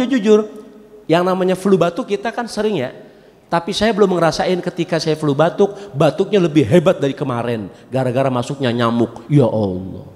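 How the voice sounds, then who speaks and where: A man preaching a sermon in a mosque, lively and emphatic, with drawn-out chanted prayers. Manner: lively, rising emphatic pitch, jokes and laughs with the congregation. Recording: long reverb of a mosque hall.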